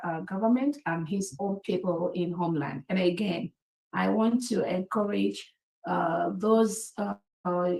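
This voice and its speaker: A woman's voice: fairly low pitch, gravelly, darkish tone, echoey room, low-quality recording. A woman addressing members in an online meeting, earnest and formal, thanking people by title.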